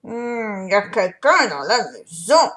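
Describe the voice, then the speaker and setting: Storybook father bear, loud and indignant, read by a woman. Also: high voice, very animated, a little slow, pitched above the performer's own voice. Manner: loud, emphatic declarations.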